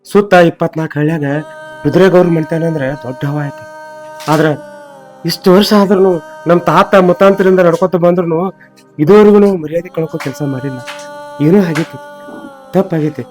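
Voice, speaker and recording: A man's voice: fairly high pitch, brisk, long pauses, a little mellow, faint music behind, natural voice. A man playing a stern old village patriarch. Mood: stern lecturing. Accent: North Karnataka Kannada. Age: older. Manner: scolding then forgiving, preachy. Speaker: father-in-law in a village skit. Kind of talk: village comedy-drama acting.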